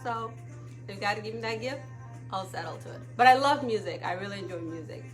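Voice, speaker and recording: A woman's voice: medium pitch, lively intonation, fairly quick, soft background music. A woman from Ethiopia, hosting a casual live stream and often checking in with her viewers. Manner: chatty, often checks in with "okay?". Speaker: livestream talk show host.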